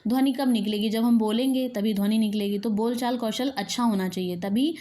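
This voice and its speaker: A woman's voice: on the high side, a little fast, warm tone. A woman teacher giving an exam-prep lecture, reading each point aloud and then explaining it again in plain words.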